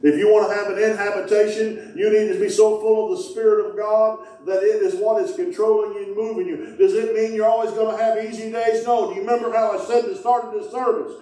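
A middle-aged man preaching as pastor, calling out to his congregation and shouting with fervor. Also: sits high, flat delivery, fast, few pauses, far from the mic. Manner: fervent preaching, calls out to the congregation, shouts "woo". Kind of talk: sermon. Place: church sanctuary, indoors. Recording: echoey church hall from afar. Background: congregation responding.

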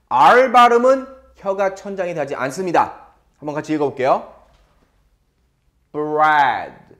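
A man with a Korean accent leads an English lesson, drilling phrases slowly and explaining in an animated way. His voice sits in the mid range.

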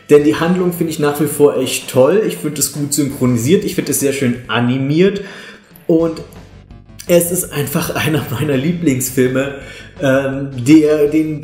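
Sitting on a sofa in a small living room, a man talks to camera with casual, opinionated film reviews in a conversational style. His voice is fairly high with a darkish tone, and the recording has roomy indoor echo with music behind.

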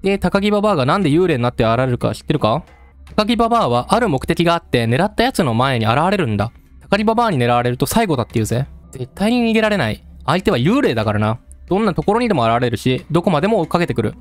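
Male streamer doing a coarse, menacing storyteller, fast and lively. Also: fairly high pitch, no echo, soft background music. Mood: taunting. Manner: gruff, coarse street speech, addressing the listener directly. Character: rough-talking male storyteller, menacing and taunting. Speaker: game let's-play narrator.

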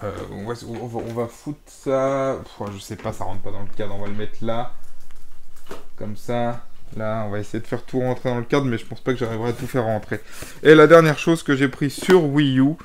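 A man's voice: medium pitch, normal speed, slight background noise. A young man showing off his game purchases to camera in a casual video, rambling with many fillers while he moves boxes around. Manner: rambling, hesitant, lots of fillers; moving around handling boxes while talking. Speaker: gaming vlogger. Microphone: camera mic.

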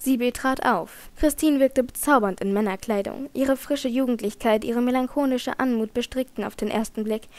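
Higher-voiced woman narrating an audiobook. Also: a little mellow, no echo. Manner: measured storytelling. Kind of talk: scripted narration.

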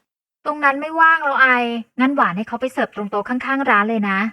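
A stern teenage schoolgirl scolds her friend in a firm, pointed tone, as a woman reads her out. The voice sits a touch high and bright. It is recorded dry and close. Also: fast talker, no room sound, soft background music. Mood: matter-of-fact.

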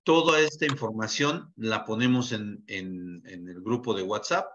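A man with a mid-range voice hosts an online class and thanks the group warmly and courteously, pressing on because time is short. The video-call audio sounds a little dull. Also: lowish voice, a little slow. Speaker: class host.

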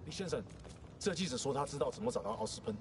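An actor playing a brisk, commanding male gang henchman in a video game. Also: medium pitch, animated, slight background noise, lightly acted.

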